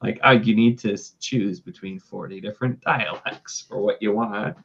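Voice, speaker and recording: Halting, chatty man with bright voice. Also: lowish voice, vocal fry, husky, dull audio. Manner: chatty, halting, many fillers and restarts. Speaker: interviewer, book reviewer. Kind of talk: casual interview chat.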